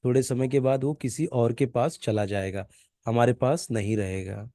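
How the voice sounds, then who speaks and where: Mellow-voiced man teaching scripture. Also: mid-range voice, steady tone, dry recording, studio quality. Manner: explains in a casual conversational way, then chants verses slowly and carefully; fillers like "na" and "hmm" at the ends of sentences. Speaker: reading group leader. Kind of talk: Gita reading class over Zoom. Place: home video call. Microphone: video call mic.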